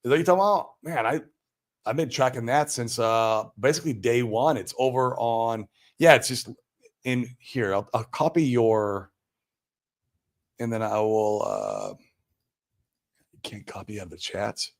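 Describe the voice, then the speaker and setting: An American livestream host speaks a little slowly in a gravelly, mid-range voice with lively intonation and frequent pauses. He chats casually and replies to viewers live, peppering his talk with slang and exclamations.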